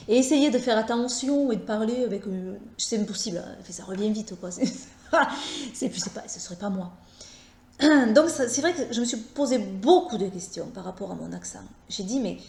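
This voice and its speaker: A woman with a Southern French accent talking casually to her viewers, hesitant and halting, with many fillers and restarts. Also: on the high side, dark tone, roomy sound. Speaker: tarot YouTuber. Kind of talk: casual vlog talk.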